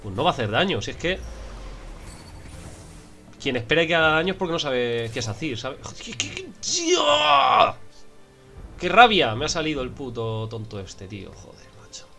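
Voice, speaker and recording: A young man with a Spain Spanish accent giving casual gameplay commentary, excitable and prone to swearing and shouting in frustration. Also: mid-range voice, fairly quick, faint music behind. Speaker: gameplay streamer.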